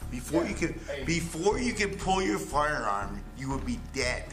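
A man's voice: fairly high pitch, very animated, moderate pace, over music. A man in his sixties, an arrestee, talking in a threatening, boastful way. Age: 60s.

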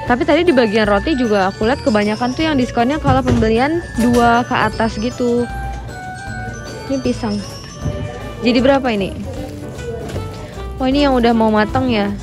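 A young woman films a shopping vlog, chatting casually and upbeat as she explains things, first in a supermarket and then in her home dining room. Her voice is a little high at normal speed with long pauses, and background music plays.

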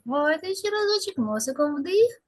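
A woman's voice: extremely high pitch, expressive, moderate pace. A woman speech therapist leading a lesson for small children, drawing out words in a sing-song way.

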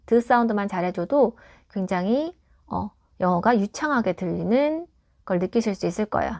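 A woman reviewing a children's picture book, explaining it patiently and clearly and modelling English pronunciation tips. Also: fairly high pitch, a little mellow.

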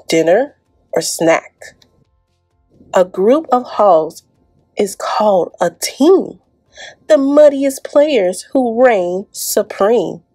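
With a warm, medium-pitched voice, a young library host leads preschool storytime. She reads a picture book aloud and talks with the little ones in a sing-song, encouraging tone.

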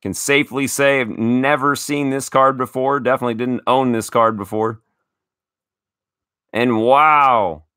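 Bright-voiced enthusiastic man, dry close sound. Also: medium pitch, steady tone, unhurried, clean tone, no echo. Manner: enthusiastic, grateful, stammering restarts. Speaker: card collecting show host. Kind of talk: casual card-opening chat.

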